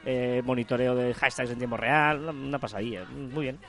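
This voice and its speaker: A man, co-hosting a tech podcast, reading headlines and quickly agreeing with his partner. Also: mid-range voice, fairly even intonation. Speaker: podcast co-host. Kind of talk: casual tech chat.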